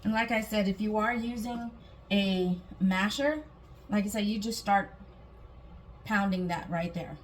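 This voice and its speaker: A woman talks through a recipe in a casual, chatty way at a medium pitch. She explains things step by step like a home cooking host, adding small personal asides. Clear background noise and room ambience sit behind her voice. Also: a little slow. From Guam.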